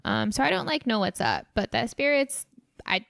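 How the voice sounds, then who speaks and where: A woman voicing a valley-girl type, filler-heavy talk, gravelly fry, dry close sound. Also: fairly high pitch, animated, moderate pace, fairly bright tone, dry recording, voice pushed down, full character voice. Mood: rambling. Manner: valley-girl speech, constant filler words. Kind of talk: tabletop role-play in character.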